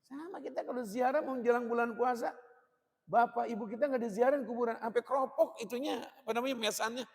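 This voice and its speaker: Gravelly high-voiced preacher. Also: male voice, quick pace, a little mellow. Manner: blunt, joking, street slang. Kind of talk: colloquial sermon. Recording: long hall reverb.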